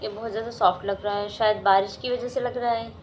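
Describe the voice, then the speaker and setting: A woman vlogger chatting casually to camera while chewing, soft-spoken and relaxed. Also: medium pitch, fast talker, a little hiss or hum, rough recording. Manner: soft-spoken and relaxed, mixing in English words. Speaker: eating-show vlogger.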